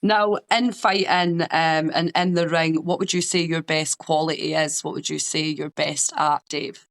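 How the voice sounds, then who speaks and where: A man's voice: fairly high pitch, fairly even intonation, measured pace, fairly bright tone. Agreeable male interviewer. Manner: agreeable, frequent "yeah", "a hundred percent". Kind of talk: casual interview.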